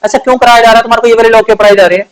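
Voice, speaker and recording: High-voiced young man lecturing. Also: fairly even intonation, very fast, low-quality recording. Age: 20s. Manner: conversational, asks rhetorical questions, stretches key words. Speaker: law teacher. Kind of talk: classroom lecture.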